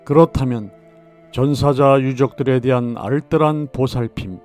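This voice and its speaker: A man narrating a scripted history documentary in a measured, solemn way. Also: medium pitch, fairly even intonation, a little mellow. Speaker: channel narrator. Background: faint background music.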